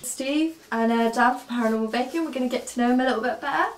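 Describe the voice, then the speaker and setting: A woman interviewing cast members in a bright, upbeat way. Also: fairly high pitch, fast. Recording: echoey room, distant mic, faint noise.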